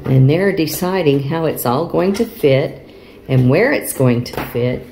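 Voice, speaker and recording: An older woman, a grandmother, chatting and praising grandchildren in a warm, encouraging way. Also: low-pitched, expressive, a little slow, noisy background. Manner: warm, praising, talking to small children. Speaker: grandmother and show host. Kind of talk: casual chat with grandchildren.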